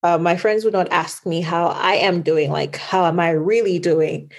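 A woman's voice: lowish voice, fairly even intonation, normal speed. A woman from Zambia hosting an interview, asking questions in an encouraging way with lots of fillers. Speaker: interviewer, host. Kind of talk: conversational interview.

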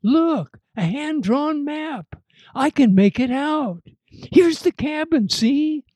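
A man voicing a frantic, gold-crazed male prospector who exclaims in excited bursts. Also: extremely high pitch, takes it slowly, no echo, clean studio sound, pitched above the performer's own voice, full character voice.

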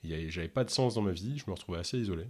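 A man from Ontario who speaks French with no accent, answering interview questions in a halting way with many fillers. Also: deep voice, lively intonation, darkish tone. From Canada, Ontario. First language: English. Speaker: podcast host and health coach.

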